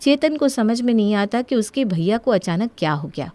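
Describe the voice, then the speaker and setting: Narrator: a woman telling a children's moral story, calm delivery, fairly high voice, dry close mic. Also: normal speed, dry recording.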